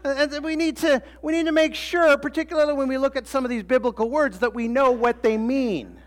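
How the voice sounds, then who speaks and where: High-voiced animated male preacher. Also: a little fast. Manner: animated storytelling with acted quotes, repeats phrases for emphasis. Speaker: pastor. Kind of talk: sermon.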